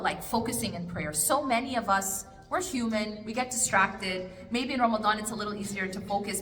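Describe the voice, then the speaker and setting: At an Islamic study circle, a woman answers a question from the audience, speaking casually and coaxing listeners along with rhetorical questions. Her voice is medium-pitched and fairly bright, recorded in an echoey hall with faint noise.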